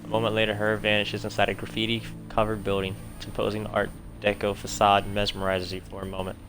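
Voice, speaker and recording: Gravelly low-voiced man reading game text. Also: monotone, a little fast, music in the background. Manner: casual, swears freely, reads text aloud plainly. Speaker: game streamer. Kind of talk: reading game text aloud and playing live.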